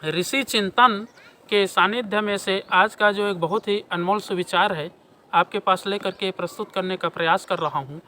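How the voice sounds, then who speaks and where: A man's voice: high-pitched, moderate pace, sharp tone. A man from India giving a devotional sermon and addressing his listeners with emphatic, declaiming delivery. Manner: emphatic, declamatory delivery with long lists of reverent epithets. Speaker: spiritual speaker. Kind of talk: devotional sermon with mantra chanting.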